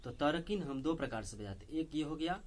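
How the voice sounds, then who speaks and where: A man teaching tabla step by step, explaining slowly and patiently and saying the drum syllables aloud between strokes. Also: on the high side, animated, very noisy. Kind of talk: step-by-step music lesson. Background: loud tabla playing.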